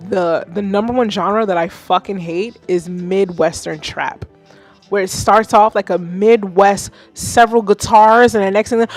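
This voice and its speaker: A woman in her thirties hosting a live music feedback stream, chatting casually, animated and self-mocking, talking to her chat. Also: medium pitch. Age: 30s. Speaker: livestream host giving music feedback. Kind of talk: casual livestream commentary.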